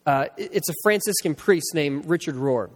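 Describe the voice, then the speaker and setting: A man with a high voice preaches a sermon, weaving in personal stories and slowing down to repeat his key lines for emphasis. His voice rings out with a long reverb tail, as if he is filling a large church hall. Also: expressive. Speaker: pastor.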